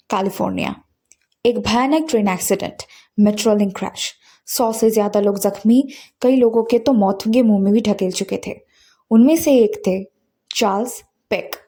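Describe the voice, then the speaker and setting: This woman, a host and narrator, delivers scripted paranormal stories in a suspenseful, dramatic style sprinkled with English words. Her voice is on the high side and a little mellow.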